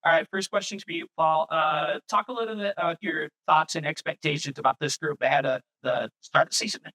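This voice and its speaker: A man acting as interviewer, putting questions to players and coach in a brisk, to-the-point way. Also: fairly high pitch, bright, forceful tone, rough recording.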